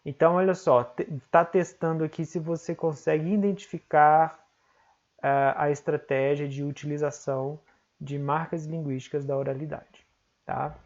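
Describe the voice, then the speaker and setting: A man with a Brazilian accent teaching an online exam-prep lesson, explaining step by step and often checking in with quick tag questions. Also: fairly high pitch, flat delivery, a little mellow, lo-fi sound.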